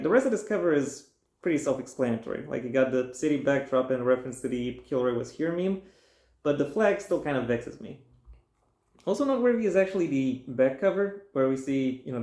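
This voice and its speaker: Rambling, halting man in a roomy echo. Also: mid-range voice, lively intonation, a little mellow. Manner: rambling, halting, with frequent restarts; bursts into emphatic mock-stern ranting. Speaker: book reviewer. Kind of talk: casual spoken book review. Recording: echoey room.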